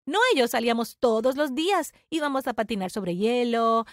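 A woman's voice: fairly high pitch, expressive, normal speed, dry recording, clean studio sound. A young woman narrating a dramatic first-person story about her twin sister. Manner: dramatic confessional telling.

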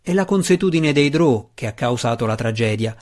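An earnest, wry dark elf warrior, voiced by a male narrator. He talks in a pressing, slightly raised voice, as he pushes a friend in a fantasy audiobook. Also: mid-range voice, expressive, moderate pace, close to an everyday voice.

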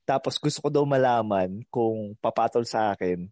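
A man's voice: medium pitch, moderate pace, darkish tone, dry recording. A man co-hosting a podcast, telling a story in a rambling, hesitant way and giggling. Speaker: podcast co-host. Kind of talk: casual storytelling.

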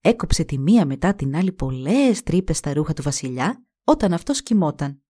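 Woman narrating a fairy tale. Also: low voice. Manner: expressive, voices every character. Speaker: storyteller.

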